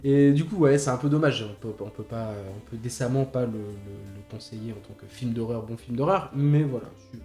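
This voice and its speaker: As a podcast co-host, a man talks about films casually, hesitating and repeating words while he thinks. His mid-range, dark-toned voice is brisk with hardly any pauses, over music in a slightly roomy recording.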